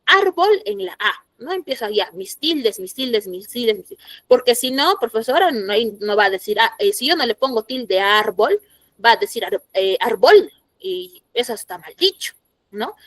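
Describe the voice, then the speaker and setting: A woman's voice: a little high, animated, moderate pace, fairly bright tone, no room sound. A woman teacher, explaining grammar rules and asking her students questions. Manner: explanatory, asks the class questions. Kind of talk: classroom lesson to students.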